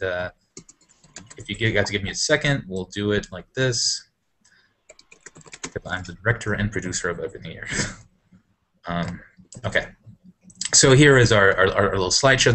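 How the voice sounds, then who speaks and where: A man from Syria hosting an online panel, talking in a halting way with many restarts. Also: fairly low pitch, fairly bright tone. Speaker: host of an online panel discussion. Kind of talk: casual live video discussion.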